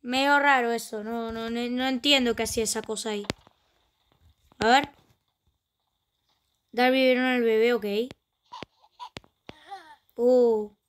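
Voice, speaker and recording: A woman's voice: fairly high pitch, steady tone, a little slow, long pauses, slight background noise. A woman with a Rioplatense Spanish accent, chatting casually through a let's play and exclaiming often. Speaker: gaming channel host.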